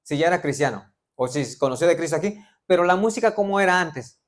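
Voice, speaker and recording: A man's voice: fairly high pitch, animated, quick pace. A middle-aged man from Veracruz with a Veracruz Mexican Spanish accent, preaching a sermon and quizzing the congregation with joking asides. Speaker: pastor.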